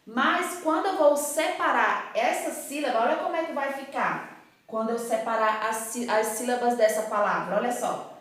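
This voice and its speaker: A woman teaching a class from the whiteboard, her fairly high voice patient and explanatory. She keeps asking questions and checking that pupils follow. The room rings with heavy echo, and she sounds some distance from the mic. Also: moderate pace, fairly bright tone. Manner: explanatory, asks rhetorical questions with frequent tag "né".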